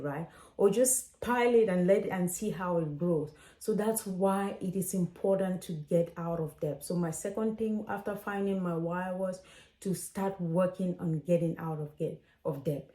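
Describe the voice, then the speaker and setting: A Cameroonian woman in her late twenties, a financial coach, hosts a casual advice vlog and talks straight to viewers in a chatty, direct way. Her medium-pitched voice has a dark tone and sounds reverberant.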